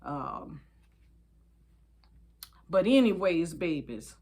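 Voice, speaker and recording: Very slow and very animated, her lowish voice sounds mellow. This older American woman hosts storytime, chatting casually and reading a book aloud in a folksy, emphatic manner, addressing her listeners as babies and repeating phrases for emphasis.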